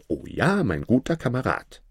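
A man voicing a jolly, crafty male knife grinder who calls out in a cheery, drawn-out way. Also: mid-range voice, huge pitch swings, husky, dry recording, studio quality, exaggerated voice.

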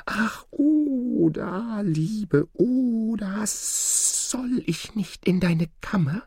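Man putting on a high whispery pleading snake. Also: animated, darkish tone, husky, no echo, studio quality, heavily acted. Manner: slow drawn-out high wheedling. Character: enchanted pleading snake, soft and creeping. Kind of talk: storybook reading.

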